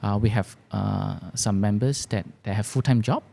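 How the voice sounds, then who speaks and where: Malaysian guy founder in an interview, lowish gravelly voice, halting, repeats words, loose grammar. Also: dark tone. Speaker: business founder being interviewed. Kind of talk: interview conversation.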